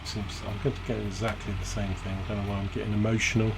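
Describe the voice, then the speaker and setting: A man's voice: lowish voice, level tone, fast talker, over loud music. A British man casually commenting on his gameplay, thinking aloud and correcting himself as he goes. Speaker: gaming channel host. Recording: clear game vehicle noise behind voice. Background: game engine and truck sounds.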